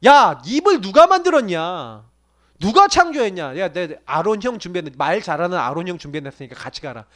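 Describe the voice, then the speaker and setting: A man voicing God, gruff and scolding. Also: sits high, big pitch swings, brisk, pitched below the performer's own voice. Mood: exasperated. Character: stern exasperated God scolding a reluctant prophet.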